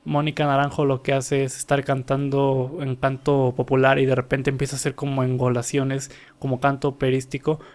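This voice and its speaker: A man's voice: medium pitch, monotone, a little fast, few pauses, a little mellow. A young man breaking down a singer's vocal technique in a casual way, stopping to sing short examples. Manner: explains with sung demonstrations. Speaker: vocal coach analyzing a singer.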